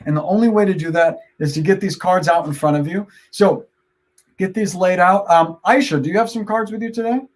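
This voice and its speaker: With playful kids-party magician patter, a performer leads an online audience through a card trick, encouragingly repeating step-by-step instructions. The voice is mid-range and a little fast.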